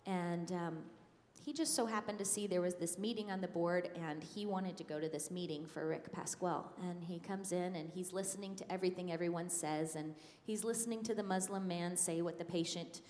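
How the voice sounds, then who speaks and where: A woman with a fairly low voice tells a testimony story in an animated way, acting out the quotes. Her voice carries through a large hall with a long, echoing reverb. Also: brisk. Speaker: guest sharing a testimony.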